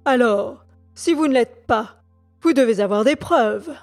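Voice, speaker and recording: A woman's voice: a little high, lively intonation, unhurried, vocal fry, soft background music. A woman voicing a stern male court president who questions in a formal, insistent way. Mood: questioning.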